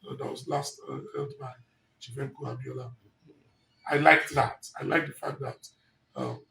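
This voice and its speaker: Speaking at normal speed with fairly even intonation, a middle-aged man with a Nigerian English accent has a gravelly, mid-range, slightly bright voice. He is interviewed on an indoor sofa, telling his life story in an emphatic, expansive way full of fillers, caught by an interviewer's handheld mic. Slight background noise colors the roomy, slightly distant sound.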